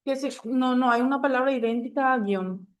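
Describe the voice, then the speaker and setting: A woman's voice: high voice, fairly quick. A woman teaching a grammar lesson to a class, patient and checking understanding often.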